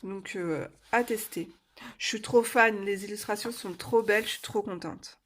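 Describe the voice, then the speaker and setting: A woman's voice: medium pitch, moderate pace, a bit bright. A woman, around her thirties, chatting casually as she colors, hesitant, with many fillers and restarts, cheerful and laughing easily. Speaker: coloring book YouTuber. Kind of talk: casual chat while coloring.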